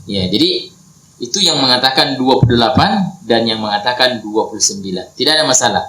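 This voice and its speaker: A man's voice: medium pitch, animated, fairly quick, sharp tone. A man teaching a tajwid lesson on Quran recitation, patiently repeating points and quizzing his listeners. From Indonesia. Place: study hall at an Islamic boarding school. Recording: roomy echo.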